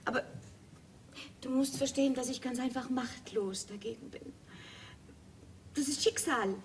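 A sincere young wife, gentle and soft-spoken. Her voice is high. It is heard from a distance on a stage recording with faint noise. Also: expressive, normal speed. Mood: tender. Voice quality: earnest, soft-spoken, sometimes whispering. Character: young wife, earnest and torn, leaving her husband. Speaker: Elizabeth. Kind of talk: 1980s stage play recording.

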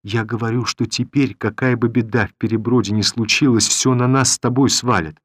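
A man reading the part of a tender young village woman, speaking softly and earnestly, resigned to her fate. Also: medium pitch, steady tone, brisk, dry recording, close to an everyday voice. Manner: soft, quiet and earnest.

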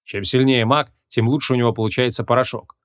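Man doing a gruff imperious archmage. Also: mid-range voice, fairly even intonation, fast, natural voice. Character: grumpy ancient male archmage, hot-tempered.

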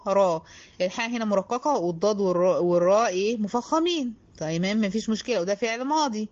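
A woman with an Egyptian accent teaching a tajweed lesson to a female student. She stretches the verses out slowly, then explains them briskly. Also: medium pitch, muffled recording. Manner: slow, drawn-out recitation between brisk explanations; addresses a female student directly, instructive. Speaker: Quran teacher.

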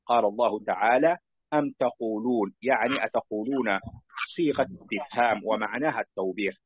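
A man reading a classical commentary aloud to his teacher, at a steady pace, going back over phrases to correct his slips. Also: lowish voice, brisk, a little hiss or hum. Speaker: student reading a book aloud to a sheikh. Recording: tinny phone-like dry recording.

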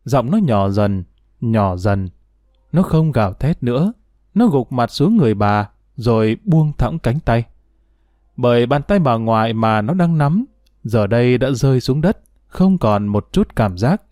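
A man narrating a dramatic audio story with expressive, emotional delivery. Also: medium pitch, unhurried, no room sound, clean studio sound.

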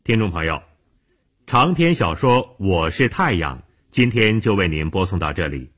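A man signing off a radio program as its announcer, measured and formal. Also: sits low, very animated, a bit bright. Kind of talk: formal broadcast sign-off.

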